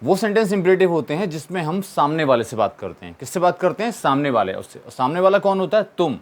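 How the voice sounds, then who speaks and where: Man teaching grammar with a raised pitch. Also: very animated, fast talker. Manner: asks questions and answers them himself, repeats key points. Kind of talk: classroom-style explanation.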